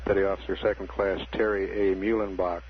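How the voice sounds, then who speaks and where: A man giving measured, formal and deadpan live spaceflight commentary over a muffled, noisy 1960s radio feed. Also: low voice. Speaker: mission control public affairs commentator.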